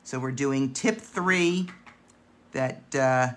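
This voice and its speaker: A man with a gravelly voice, chatting and counting aloud as he demonstrates a painting craft. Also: medium pitch, extremely slow, fairly bright tone. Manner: chatty, counts dots aloud while working. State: gravelly voice today. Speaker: craft instructor.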